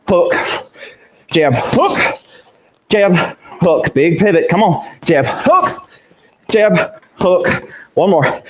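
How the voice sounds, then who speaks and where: Punchy male boxing coach hitting a bag. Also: fairly high pitch. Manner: short punchy cues in rhythm while hitting a punching bag; exerting himself, with grunts and puffed exclamations. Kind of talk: calling out punch combinations during a live workout.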